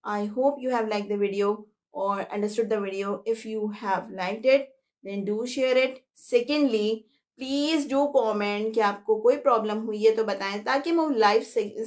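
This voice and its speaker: High-voiced woman teaching slowly. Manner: explains step by step, mixing Hindi-Urdu with English. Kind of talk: live online lesson.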